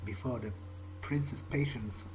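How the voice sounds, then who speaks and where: Slow and darkish, a mid-range male voice is heard in a rough recording with slight background noise. The speaker, a let's player, role-plays a brooding, guilt-ridden young vampire in an improvised monologue full of hesitation and repeated words, with video game ambience behind him.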